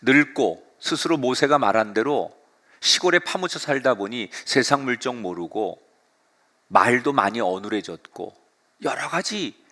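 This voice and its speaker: A middle-aged male pastor preaching a sermon, retelling the story with lively, dramatic delivery. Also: mid-range voice.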